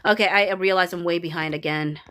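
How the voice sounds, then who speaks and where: A Filipino-accented woman, perhaps in her thirties, hosts a casual livestream, reading viewer comments aloud and rambling with many fillers and restarts. Her voice is on the low side with fairly even intonation, fast and sharp in tone.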